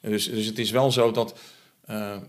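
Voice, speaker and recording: A man with a fairly low voice talks through his thoughts slowly and reflectively. He hesitates often, filling gaps with small sounds as he searches for words in a relaxed faith conversation. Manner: reflective, hesitant with many fillers.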